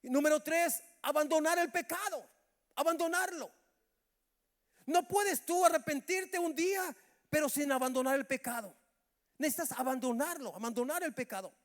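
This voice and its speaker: A middle-aged pastor preaches in a very high voice. He calls out to the brothers as he goes. His words ring through a church hall with a long echo. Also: normal speed. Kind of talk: sermon at a Bible study.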